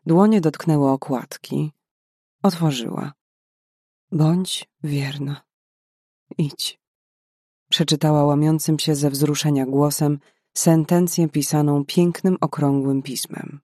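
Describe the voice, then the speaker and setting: A man's voice: fairly high pitch, a little mellow, dry recording. Man narrating an audiobook, dry. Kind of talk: scripted narration.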